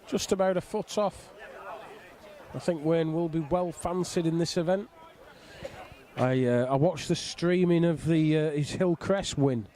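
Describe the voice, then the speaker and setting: A man's voice: a little high, measured pace, dark tone. A middle-aged man giving casual, jokey live commentary on a bowls match. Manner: jokey, bantering. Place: outdoors on a flat roof in the rain.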